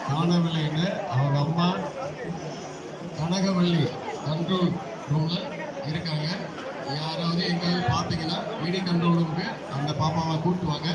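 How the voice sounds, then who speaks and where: A man making formal, repeated announcements at a temple festival through an outdoor loudspeaker. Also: fairly high pitch. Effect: outdoor loudspeaker public address. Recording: echoey loudspeaker sound heard from a distance over a loud crowd.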